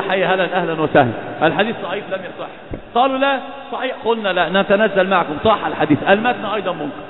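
A man preaching a sermon, fast and emphatic, firing rhetorical questions. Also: sits high. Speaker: Islamic preacher. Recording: echoey hall, phone-like lo-fi sound.

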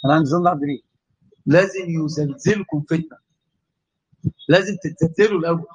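A man with an Egyptian Arabic accent teaching a lively theology lesson, quizzing his class and calling on students. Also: a little high, fast talker. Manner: animated, asks the class questions and calls on students. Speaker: religious teacher.

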